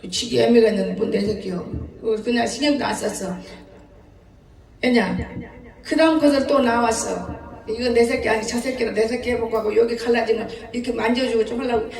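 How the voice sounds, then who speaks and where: A woman's voice: a little high, brisk, creaky, a little mellow. A woman in her seventies, a pastor preaching a sermon in a folksy storytelling way, often laughing as she talks. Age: 70s. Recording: echoey church hall, distant mic.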